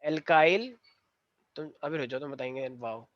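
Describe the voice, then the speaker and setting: Playful high-voiced male chemistry teacher. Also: a little slow, fairly bright tone, dry recording. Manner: playful, teasing, mixes English into lecturing. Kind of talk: classroom lecture. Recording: dull, slightly lo-fi dry sound.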